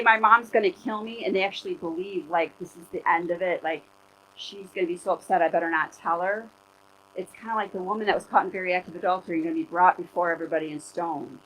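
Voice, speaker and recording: A woman's voice: mid-range voice, rough recording. Woman pastor preaching conversationally. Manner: conversational, animated preaching with personal stories. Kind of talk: sermon. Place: church.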